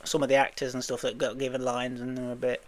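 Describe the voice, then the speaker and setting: A man's voice: monotone, quick pace, a loud crowd. A young man from England co-hosting a film podcast, chatty and laughing often. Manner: chatty, laughs often, acts out quotes in high squeaky voices. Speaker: podcast co-host. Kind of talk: casual chat.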